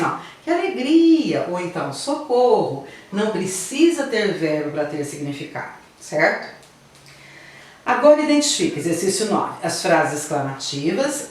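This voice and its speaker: A woman's voice: on the low side, far from the mic, slight background noise. A woman teacher with a Brazilian Portuguese accent giving a grammar lesson, explaining patiently step by step and checking in with her students. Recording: very echoey room, voice from afar.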